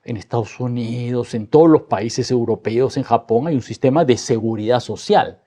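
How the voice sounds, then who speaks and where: Mellow-voiced man, emphatic guest. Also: mid-range voice, moderate pace. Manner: emphatic, ends points with tag questions. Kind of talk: political discussion.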